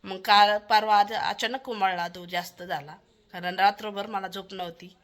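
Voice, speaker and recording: A woman's voice: medium pitch, fairly even intonation, normal speed, fairly bright tone. A young woman from Maharashtra, a family vlogger venting to the camera and complaining as she quotes others at length.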